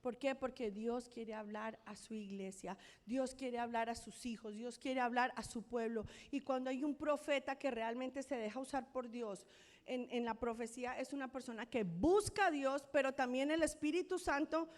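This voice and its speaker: A woman's voice: on the high side, normal speed. A woman pastor giving an earnest testimony in a sermon, telling her story and acting out the dialogue. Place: church sanctuary. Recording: church hall with long reverb.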